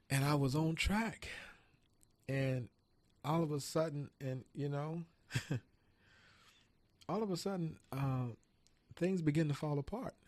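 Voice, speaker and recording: A pastor preaching a radio sermon, telling a personal story in an animated way with frequent laughs. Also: male voice, a little high, takes it slowly, long pauses, no echo.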